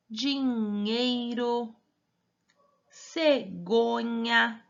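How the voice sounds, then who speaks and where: A woman teaching a remote primary school class, speaking slowly and patiently and stretching out syllables. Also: on the high side, sharp tone. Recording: dull lo-fi audio.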